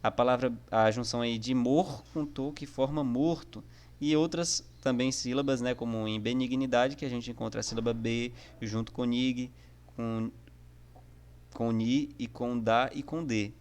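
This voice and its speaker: Man teaching a relaxed online class. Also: medium pitch. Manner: friendly, repetitive, with frequent "né?" and "tá?" fillers. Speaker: online teacher of biblical Greek. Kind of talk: casual explanatory lesson.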